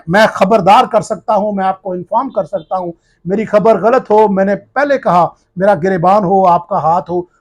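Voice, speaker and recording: A male journalist from Pakistan, addressing viewers in a forceful, accusing, challenging tone. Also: sits high.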